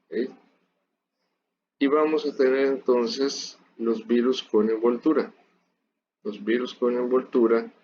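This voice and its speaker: Guy with a lowish voice lecturing students, calm and explanatory, dull muffled audio. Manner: measured, explanatory, addresses students directly. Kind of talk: recorded university lecture. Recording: dull lo-fi audio with faint noise.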